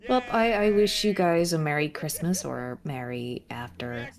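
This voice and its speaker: Low-pitched woman in casual chat. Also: unhurried, gravelly. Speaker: guest on a livestream call.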